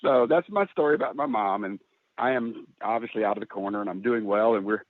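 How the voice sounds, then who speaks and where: A man's voice: fairly low pitch, a little fast, no echo. A man speaking as a guest musician in a casual podcast interview, talking earnestly and emotionally, often laughing and restarting his sentences. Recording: tinny phone-like line, dry.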